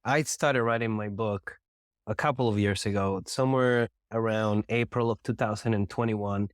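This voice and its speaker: A man with an Argentine accent talks as a guest on a podcast, his voice a little hoarse from a recent cold. He sits on the lower side in pitch, laughs easily, and answers in a measured way. The sound is dry and close, with no room around it. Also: steady tone, no echo. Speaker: podcast guest, author and mindset coach. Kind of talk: casual interview chat.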